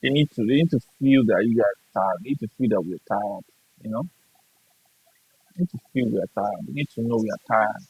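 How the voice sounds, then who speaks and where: A man's voice: on the low side, fairly quick, breathy edge, no echo. A young Nigerian man with a Nigerian accent, a gaming streamer in casual chat, blunt, profane and repeating his points. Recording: dull lo-fi dry sound.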